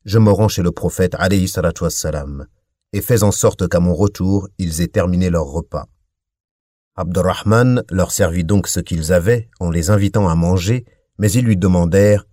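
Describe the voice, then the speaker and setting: A man giving a measured, steady reading of a religious text, adding formulaic honorifics as he goes. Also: low-pitched, no echo, clean studio sound. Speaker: audiobook reader.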